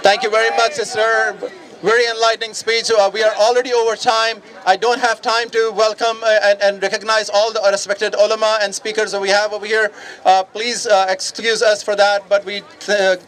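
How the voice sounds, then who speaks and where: A man's voice: high voice, flat delivery, fairly quick, fairly bright tone, some chatter behind. A man emceeing a rally outdoors, thanking a speaker and introducing the next in a hesitant, polite way. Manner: hesitant, many fillers and restarts, polite. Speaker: event emcee. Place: outdoors at a street demonstration.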